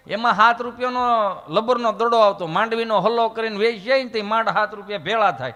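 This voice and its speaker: Bright, lively comic storyteller. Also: male voice, high voice, long reverb tail. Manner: folksy, voices characters in anecdotes. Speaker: comedian. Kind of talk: comic storytelling to a live audience.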